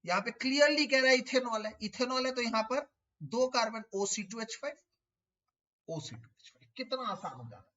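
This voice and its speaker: Bright-voiced male chemistry teacher. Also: very high voice, animated, normal speed, dull audio. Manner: explains step by step, mixes English terms, repeats key words; addresses students as beta, asks them questions. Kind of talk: online class lecture.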